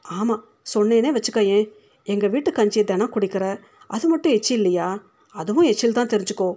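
A stingy old householder who wheedles and scolds in turn, read by a woman. He sits at a middle pitch and talks in short, pointed bursts. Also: expressive, moderate pace, darkish tone, lightly acted. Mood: scolding. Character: old male Brahmin householder, stingy and sly.

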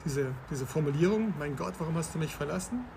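A man's voice: a little high, expressive, fairly quick, gravelly, background noise. A man hosting a podcast, explaining Bible passages step by step in a conversational way and asking his listener questions. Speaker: podcast host.

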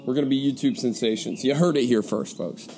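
A man's voice: mid-range voice, quick pace, mellow. A man in his twenties with a congested, stuffy nose, hosting a casual podcast in informal, upbeat slang. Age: 20s. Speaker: podcast host. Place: outdoors by a pool. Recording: outdoor recording with clear background noise. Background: birds, people and music.

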